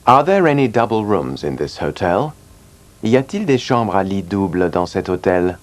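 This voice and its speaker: Slow, lively-voiced teacher man. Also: sits low. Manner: slow, clearly articulated drilling of words. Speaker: language teacher. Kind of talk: scripted language lesson.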